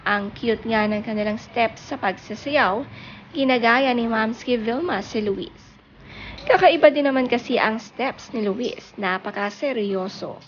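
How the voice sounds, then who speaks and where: Lady narrating chatty celeb news, kinda high voice, dull lo-fi sound with faint hiss. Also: a little slow. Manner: chatty, gushing gossip read. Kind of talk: scripted narration.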